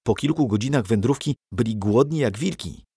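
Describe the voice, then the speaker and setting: A man narrating a storybook in a measured, expressive reading. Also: mid-range voice, slightly rough, no room sound, clean studio sound.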